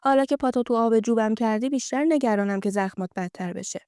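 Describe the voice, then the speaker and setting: A fretful aunt fusses over a girl in an anxious, tender scolding, as a woman narrator puts her on. The voice is smooth and mellow and sits a little high, recorded close and dry. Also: no room sound, natural voice. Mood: worried. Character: worried, loving aunt fussing over a girl.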